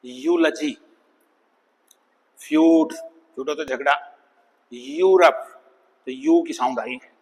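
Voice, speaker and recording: A man teaching an English phonics lesson, sounding out words slowly and repeating them for students. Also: high-pitched, huge pitch swings, vocal fry, a little mellow, slightly rough, long reverb tail, low-quality recording. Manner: slow, drawn-out demonstration of words, calls students "bhai".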